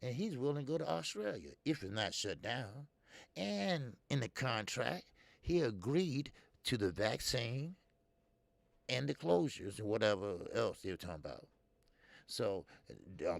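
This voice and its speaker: A man's voice: medium pitch, sing-song, normal speed, gravelly, dry recording. A man in his fifties hosting a casual boxing talk stream, blunt and talkative, answering viewers' comments as he goes. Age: 50s. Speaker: boxing show host.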